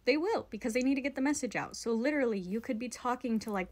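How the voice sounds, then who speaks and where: A woman's voice: a little high, expressive, fast talker, darkish tone. A young woman hosting a spiritual show, talking casually and rambling, with lots of "like" and "right?" and some casual swearing. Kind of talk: casual spiritual talk to camera.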